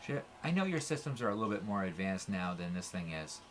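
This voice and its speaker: A man's voice: sits low, big pitch swings, quick pace, a little hiss or hum. A man playing a tabletop game, stating his character's actions directly in the first person. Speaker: player. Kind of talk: casual tabletop game play.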